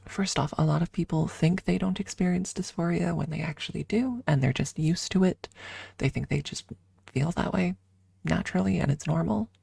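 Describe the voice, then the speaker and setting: An ASMR streamer speaks slowly in a breathy, soft, fairly low voice, recorded on a close mic with no room sound. Her casual chat is halting and informal, drifting back and forth between whispers and soft speech.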